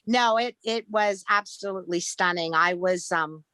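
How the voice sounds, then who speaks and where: A middle-aged woman, a podcast host's mother, recalling a family memory in an interview, speaking haltingly with many fillers and fighting back tears. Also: fairly low pitch, sharp tone, clean tone, no room sound, low-quality recording. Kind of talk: emotional interview.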